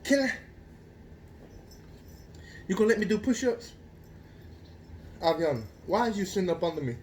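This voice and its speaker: A man's voice: high-pitched, big pitch swings, normal speed, darkish tone, slight background noise. An American man chatting casually to his child and dog at home, coaxing repeatedly in an exasperated way. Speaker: parent filming a home video. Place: indoors at home.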